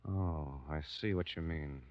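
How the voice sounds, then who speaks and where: An actor playing a candid American war correspondent, plain-spoken and grave in 1940s radio drama style. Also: male voice, rumbling low, a little slow. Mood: wry, serious. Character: American war correspondent narrating his story, wry, candid. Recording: dull old 1940s radio recording.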